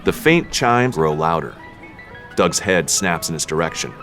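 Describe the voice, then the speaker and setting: A man reading the stage directions in a table read, dry and unhurried. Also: low voice, animated, a bit bright, faint music behind.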